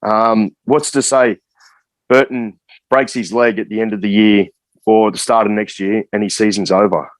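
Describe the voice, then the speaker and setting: Hesitant low-voiced Australian man. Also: steady tone, normal speed, no room sound, poor audio. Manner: hesitant, filler-heavy, plain-spoken. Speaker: guest coach. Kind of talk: casual podcast discussion.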